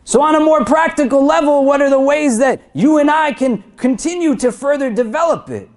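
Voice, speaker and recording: The imam's delivery is brisk and expressive as he gives a Friday sermon to a full prayer hall. Rising in pitch and loudness through lists and questions, he then drops low to make each point land.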